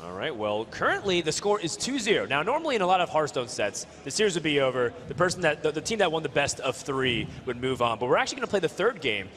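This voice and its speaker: A man casting a card game match, giving energetic, quick analysis. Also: a little high. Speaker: esports caster. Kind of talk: play-by-play commentary.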